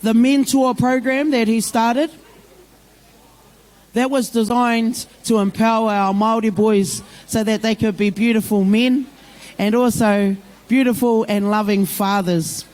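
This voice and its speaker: This clip, recorded roughly, features a slightly high, steady, unhurried voice with a touch of mellowness. The speaker is a middle-aged woman with a broad New Zealand accent giving informal, unscripted public remarks to a community gathering. She blends English with Māori phrases and speaks in a homely, motherly way, using terms of endearment for her audience.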